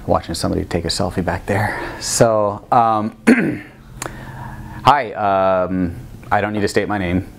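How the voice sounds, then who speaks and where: A man's voice: lowish voice, measured pace, gravelly, a little hiss or hum. A man talking casually to camera, rambling and self-conscious, feeling hot and sweaty. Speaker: employee filming a thank-you message.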